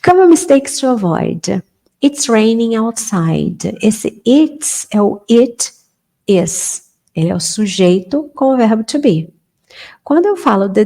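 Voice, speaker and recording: Chatty woman teaching English, gravelly voice. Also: medium pitch, mellow. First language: Portuguese. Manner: chatty, informal, slows down to model English sentences. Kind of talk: online English lesson for beginners.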